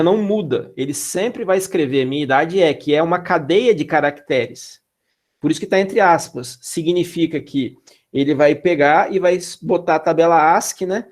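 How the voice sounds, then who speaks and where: A man with a slightly high voice teaching a classroom lesson on algorithms. He keeps it casual and relaxed, pauses often to check whether the students are following, and drops in slangy asides. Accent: Brazilian Portuguese. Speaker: instructor. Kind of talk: classroom lecture.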